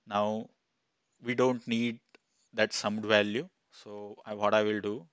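Man, 30s, instructor, flat delivery, headset mic, dry small room. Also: on the low side, takes it slowly, clean tone, no room sound. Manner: plain step-by-step, thinking aloud with fillers. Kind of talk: screen-recorded software tutorial.

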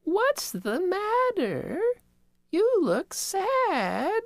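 A storyteller voicing an old spider grandmother, kind and wise, speaking very slowly in a soft, high, quavering voice. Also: huge pitch swings, no echo, studio quality, heavily acted. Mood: gentle. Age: older. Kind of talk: oral storytelling.

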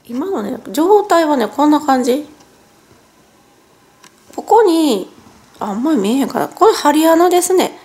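A high, lively woman, chatting to camera at home. Her voice swings up and down as she goes. She sounds a little stiff and strained after nose surgery, and she often corrects herself mid-sentence. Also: measured pace, pauses often. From Japan. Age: 40s. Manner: chatty, self-correcting, talks while wincing in pain. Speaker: vlogger. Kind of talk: casual vlog narration. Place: at home, indoors.

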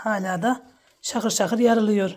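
A woman vlogging about her village life, chatting warmly with her viewers and calling out to her animals in a high coaxing voice outdoors. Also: fairly even intonation, measured pace, noisy background. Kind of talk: casual vlog narration to viewers. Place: outdoors at a village farmyard and garden.

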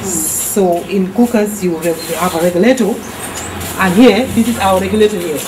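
A woman's voice: mid-range voice, moderate pace, noisy background. A middle-aged woman, patiently explaining home cooking outdoors and often repeating herself. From The Gambia. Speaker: cooking teacher. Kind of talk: casual explaining. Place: outdoor courtyard.

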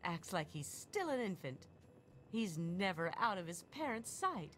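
An actress playing a prim, polite, gossipy suburban American housewife in a video game. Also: female voice, fairly low pitch, big pitch swings, a little slow, faint music behind. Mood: disapproving. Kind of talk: scripted video game dialogue.

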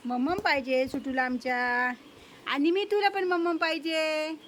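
A woman's voice: sits high, fairly even intonation, unhurried, fairly bright tone, slight background noise. A woman at home feeding her cat and dog, coaxing and scolding them in cooing baby talk, then greeting her viewers. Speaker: vlogger feeding her pets. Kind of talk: casual home vlog.

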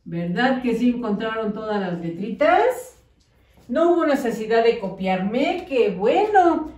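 Slow, patient Mexican teacher woman. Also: on the high side, sing-song. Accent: Mexican Spanish. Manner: speaks slowly and clearly, drawing out words as she dictates; gently coaxing, praising children. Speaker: primary school teacher. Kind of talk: slow, patient early-literacy lesson. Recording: echoey room, voice a bit far from mic.

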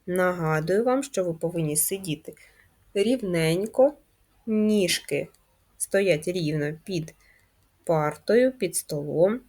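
A woman teaching first graders in a video lesson, speaking slowly and clearly in a sing-song way for young children. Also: fairly low pitch, lively intonation, a little mellow. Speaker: primary school teacher.

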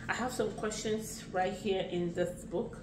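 In a relaxed get-to-know-me vlog, a late-thirties Nigerian woman with a Nigerian accent chats about herself, unhurried and rambling with restarts. Her medium-pitched voice is steady, picked up from a distance in an echoey room over background noise.

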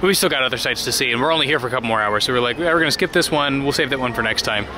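A man's voice: mid-range voice, racing. Chatty young man vlogging on city streets. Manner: upbeat, chatty, many fillers like "like" and "uh". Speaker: travel vlogger. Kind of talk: casual travel vlog chat. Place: outdoors on city streets and in a pastry shop and tavern. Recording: music bed, busy crowd noise.

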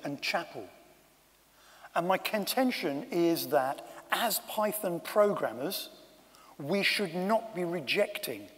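Male conference speaker, fairly high voice, dry humour, long hall reverb. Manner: wry, self-deprecating asides. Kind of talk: conference talk. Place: conference room.

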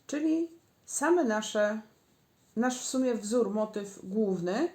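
Woman crochet teacher, unhurried step-by-step guidance, echoey room. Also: a little high, animated, a little mellow. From Poland. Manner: slow, patient instructions, counting stitches aloud. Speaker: crochet instructor.

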